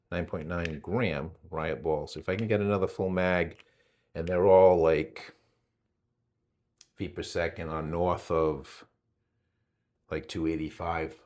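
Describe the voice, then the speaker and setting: Man, New England accent, very low voice, casual test narration, chatty, rambling asides. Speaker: channel host testing gear.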